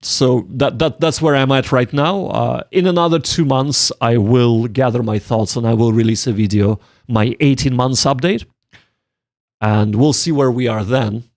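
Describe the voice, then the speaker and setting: A man learning Japanese chats casually on a study livestream, mixing study with reading from a game. His medium-pitched, darkish voice moves at a moderate pace, recorded with studio quality and no echo. He thinks aloud and reflects on himself in a rambling way.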